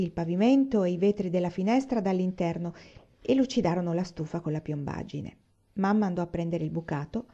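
A woman narrates a storybook aloud in a calm, even manner. Her voice is mellow and warm, and the recording sounds dull and slightly lo-fi. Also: mid-range voice. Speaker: reader of a novel.

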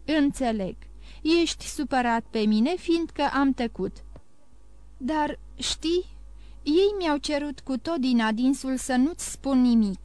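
A woman's voice: high-pitched, expressive, a little mellow, no echo. A woman reading an audiobook voices a loving young granddaughter who questions her grandfather in a pleading, affectionate way.

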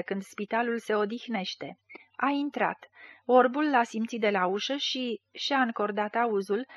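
A woman reading a literary short story aloud in a measured, expressive way. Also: on the high side, no echo, muffled recording. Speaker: audiobook reader.

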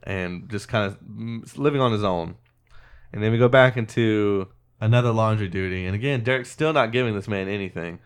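A man's voice: lowish voice, a little fast, clear, resonant tone. A man on a podcast, casually retelling a film scene by scene, acting out quotes and laughing often. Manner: animated retelling with acted-out quotes. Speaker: podcast host. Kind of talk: casual movie recap chat.

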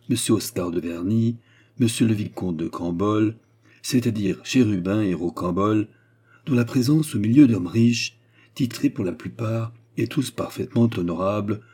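Low husky male narrator. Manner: steady storytelling, lifts pitch for quoted speakers. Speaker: audiobook narrator. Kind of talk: reading a 19th-century novel aloud.

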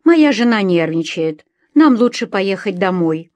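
A woman's voice: mid-range voice, very animated, a little slow, a little mellow, no echo. Audiobook: scheming foreign husband, sly and curt, as a woman reader does him, broken Russian, dry read.

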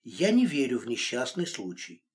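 A man's voice: wildly swooping pitch, moderate pace. A man voicing a distraught young woman, pleading and emotional. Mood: defensive. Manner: pleading, emotional, rising pitch.

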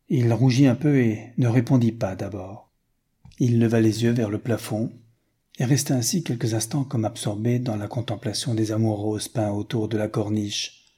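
A man narrating a classic novel in a measured, unhurried way. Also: fairly low pitch, dark tone, slightly rough. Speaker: audiobook narrator. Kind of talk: scripted narration.

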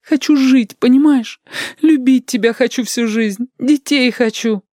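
A man voicing a young woman in an audiobook, emotional and pleading, in a raised high voice. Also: a little slow, darkish tone, dry recording, clean studio sound. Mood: tearful.

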